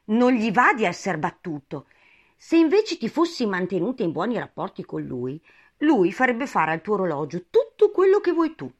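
A woman's voice: mid-range voice, normal speed. A woman voicing an eccentric male hatter, scornful and rambling in a storybook reading. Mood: scornful, excited. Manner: animated, indignant, rambling.

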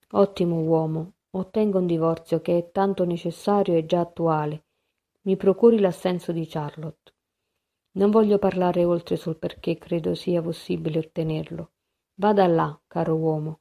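An impassioned, lovesick nobleman, read by a woman pleads earnestly in an audiobook. The voice sits low and mellow, with a calm, even delivery. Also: vocal fry. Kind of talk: audiobook reading.

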